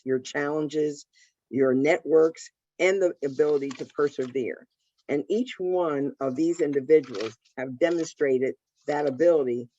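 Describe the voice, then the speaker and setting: A woman hosting a panel, introducing the speakers in a deliberate way with frequent fillers and repeated words. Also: low voice, warm tone, no room sound, dull audio. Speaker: panel host, managing partner.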